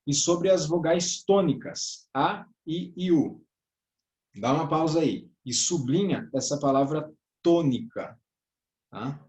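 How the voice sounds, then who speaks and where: A man with a southern Brazilian accent teaches a grammar lesson in a fairly high voice. He goes through each point step by step, checking in with "tá?" and addressing the class as brothers. The room gives his voice a noticeable echo. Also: lively intonation, slow pace, a little mellow. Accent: southern Brazilian Portuguese. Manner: explains step by step, often ending phrases with "tá?" and "né?"; addresses listeners as "irmãos". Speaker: teacher of a church workers' course. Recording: echoey room.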